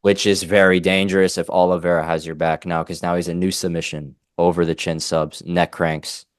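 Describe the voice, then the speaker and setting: Smooth-voiced man breaking down fights. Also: low voice, moderate pace, no echo, clean studio sound. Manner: animated, opinionated, self-interrupting. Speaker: MMA podcast co-host. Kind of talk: casual fight-analysis chat.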